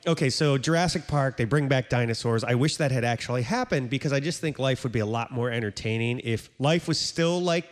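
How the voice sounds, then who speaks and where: Guy cohosting a podcast, rambly casual chat, lots of uhs, gets animated telling stories. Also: mid-range voice. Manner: filler-heavy, agreeable, animated storyteller. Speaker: podcast co-host.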